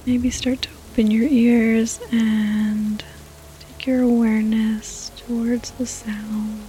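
A woman guides a sleep meditation in the soothing manner of a bedtime narrator. Her breathy, whispery voice is mellow and sits slightly high for a woman. She speaks very slowly, leaving gentle pauses over the sound of rain. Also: flat delivery, slight background noise, low-quality recording. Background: rain sounds and faint music.

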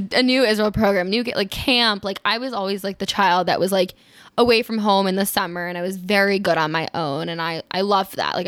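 A woman in her twenties from Maryland, USA, rambles through her life story in a casual chat, laughing easily and full of fillers and restarts. Her voice is medium-pitched with no room sound.

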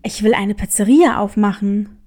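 Earnest young boy hare, a bit lower, lively and pleading, played by a woman. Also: unhurried, natural voice. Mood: eager. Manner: eager, earnest. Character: young male hare, eager dreamer.

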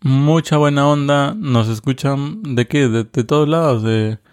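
A man's voice: mid-range voice, a little slow, clear, resonant tone. A man co-hosting a podcast, chatting casually with jokes and rambling asides. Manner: relaxed, joking, rambling. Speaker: podcast co-host. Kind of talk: casual chat.

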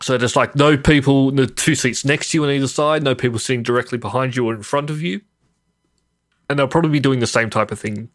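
A male podcast co-host speaks in a medium-pitched voice. He chats informally and conversationally, as in a relaxed group discussion. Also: fast talker. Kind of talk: casual chat.

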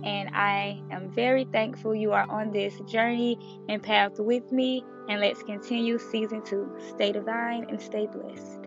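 A woman's voice: mid-range voice, little pitch movement, unhurried, lo-fi sound, over loud music. A woman hosting a podcast, talking casually to her listeners. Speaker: podcast host. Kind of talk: casual solo podcast talk.

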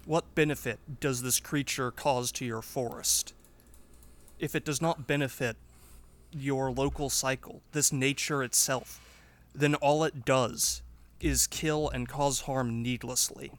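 A man's voice: medium pitch, steady tone, unhurried, fairly bright tone, lightly acted. A man playing a humble but resolute wandering warrior in a tabletop game, speaking formally and earnestly. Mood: firm, reasoning.

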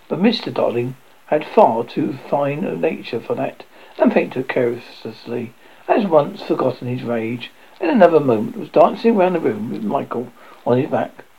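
Man reading a storybook aloud, lively pitch, husky gravelly voice, lo-fi radio sound. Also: moderate pace. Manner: expressive reading with stumbles and self-corrections. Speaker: narrator.

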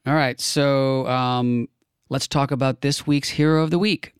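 A man's voice: mid-range voice, fairly even intonation, measured pace, very noisy. A man hosting a casual political podcast chat, talking earnestly with plenty of thinking fillers. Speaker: podcast host.

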